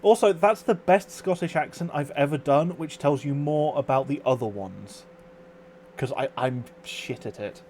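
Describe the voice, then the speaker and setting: A man's voice: fairly high pitch, normal speed, a little mellow, slight background noise. A man chatting casually on a live stream, rambling, swearing freely and reacting to chat comments. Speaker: overclocking livestreamer.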